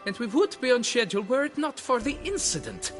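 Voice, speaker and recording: A man's voice: very high-pitched, big pitch swings, fairly quick, loud music behind the voice. A man voicing a fussy, blustering quarry foreman in a game fan dub, flustered and pleading, with old-fashioned oaths.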